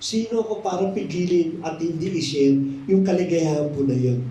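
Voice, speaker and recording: A man with a Filipino accent, a pastor telling a story in a sermon and slowing down to stress key words. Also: on the high side, warm tone. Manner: mixes English into Tagalog, slows for emphasis. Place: church hall. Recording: echoey room, mic at a distance.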